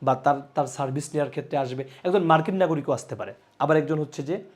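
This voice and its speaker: A young man teaching a live online exam-prep class, lively, repeating key points and calling out students by name. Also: on the high side, fast talker.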